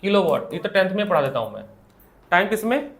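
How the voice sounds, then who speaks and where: A man's voice: high-pitched, big pitch swings, quick pace, a bit bright. A young man with an Indian accent teaching a physics class, asking questions and answering them himself. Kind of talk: classroom lecture. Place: classroom with students.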